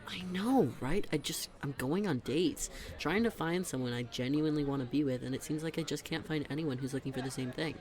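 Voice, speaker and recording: A young man plays a teasing, chatty best friend in a scripted conversational roleplay monologue, exasperated and venting with casual emphasis. His voice is a little high with a darkish tone, close to his everyday one, and he talks fairly quickly with few pauses.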